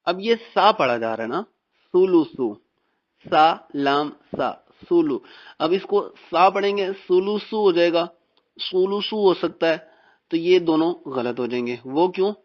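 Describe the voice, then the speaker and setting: A man from Pakistan teaching Quran reading in a recorded lesson, patiently explaining and drilling letter sounds slowly. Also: high-pitched, expressive. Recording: dull, muffled recording.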